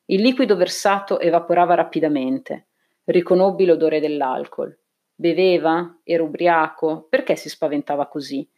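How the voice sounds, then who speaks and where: A woman reads a first-person novel aloud as an audiobook narrator. Her voice sits on the low side, and her delivery is measured and even throughout. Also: highs cut off.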